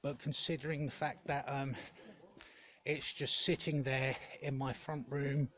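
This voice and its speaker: A man giving a casual, rambling vlog update in a hesitant, halting way, often correcting himself. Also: medium pitch, level tone, a bit bright. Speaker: gaming content creator.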